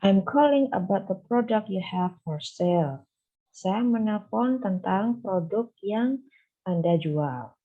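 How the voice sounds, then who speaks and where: A woman's voice: mid-range voice, expressive, takes it slowly, phone-quality sound. A woman teaching English phone phrases in a bilingual lecture, explaining patiently and switching between two languages with frequent fillers.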